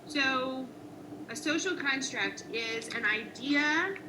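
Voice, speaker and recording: A woman's voice: high voice, slow pace, noisy background. A woman explaining identity terms in a patient, teacherly way, leading a guided conversation. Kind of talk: guided identity worksheet discussion.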